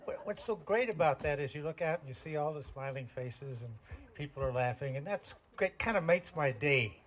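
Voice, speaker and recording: A man's voice: on the high side, expressive, normal speed. Folksy older man telling jokes on stage. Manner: folksy, chuckling, self-deprecating. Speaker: performer at a community talent show. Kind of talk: stand-up comedy storytelling. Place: stage at a community talent show.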